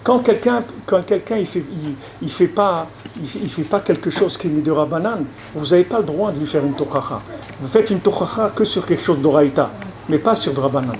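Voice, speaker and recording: A rabbi gives a conversational public lecture in a fairly high, expressive voice at a brisk pace. He often repeats and restarts his words and checks that listeners are following, and the recording is noisy.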